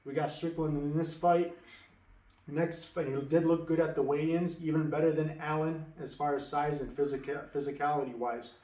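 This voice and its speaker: A man's voice: fairly high pitch, steady tone, moderate pace, dark tone, recorded from a distance. A man giving casual, confident fight-betting predictions, rambling with many restarts and fillers. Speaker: MMA betting tipster. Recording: echoey room, away from mic.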